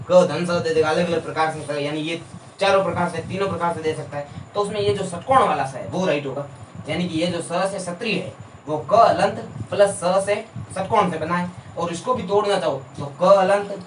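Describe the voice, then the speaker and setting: A male teacher giving a classroom lecture, asking questions and answering them himself in a steady drill. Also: on the high side, moderate pace, slight background noise. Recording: echoey room, voice from a distance.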